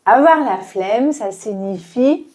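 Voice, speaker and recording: Slow, high-voiced woman teaching French. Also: animated, a little mellow. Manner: clear, deliberate, with playful example phrases. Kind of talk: quiz-style language lesson.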